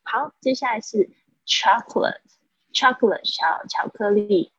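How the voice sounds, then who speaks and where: A woman teaching English vocabulary on a livestream, explaining patiently and drilling pronunciation slowly. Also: mid-range voice, breathy edge, dry recording. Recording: dull, lo-fi livestream audio.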